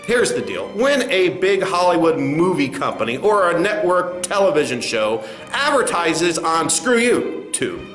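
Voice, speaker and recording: In a comedy sketch satirizing corporate speak, a man plays a smug, dismissive spokesman at a press address facing angry creators, stammering through condescending doublespeak. His high-ish voice is very animated, unhurried and a bit bright, heard with roomy echo and faint music.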